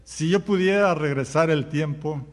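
The pastor's voice is a little high and his pace measured, with a long reverb tail behind it. He questions the congregation rhetorically throughout the sermon and mimics everyday sayings as quotations.

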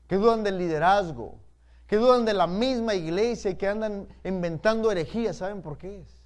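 A male pastor preaching a sermon, telling stories and speaking emphatically to his congregation. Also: a little high. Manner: storytelling, emphatic, addresses the congregation directly.

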